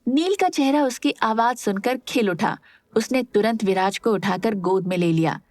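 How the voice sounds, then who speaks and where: Female storyteller for an audio drama, slightly high voice, dry close recording. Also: moderate pace, no echo. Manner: steady storytelling, voices all parts. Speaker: narrator. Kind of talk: scripted audio drama narration.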